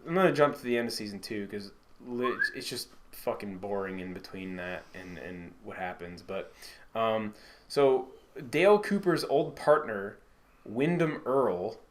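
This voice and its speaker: A man co-hosting a casual podcast chat, rambling and swearing freely, his sentences often trailing off quietly. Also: lowish voice, measured pace. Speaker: podcast co-host.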